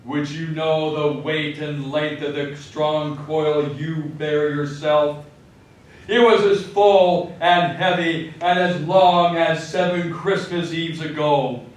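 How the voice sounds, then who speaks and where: An actor playing the mournful, doomed ghost of a dead business partner in a live radio drama, with slow, theatrical, wailing delivery. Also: male voice, fairly high pitch, steady tone. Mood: grave, accusing. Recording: very echoey hall, far from mic.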